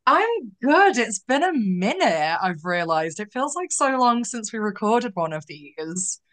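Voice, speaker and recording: A woman's voice: fairly high pitch, big pitch swings, a little slow. Conversational female podcast co-host. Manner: thoughtful, conversational, often hedging. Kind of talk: casual podcast chat.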